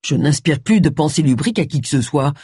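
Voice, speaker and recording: A woman voicing a sharp-tongued, grumbling middle-aged amateur detective in an audiobook. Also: mid-range voice, expressive, breathy edge, no echo, studio quality. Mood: indignant. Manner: indignant, grumbling, quick retorts.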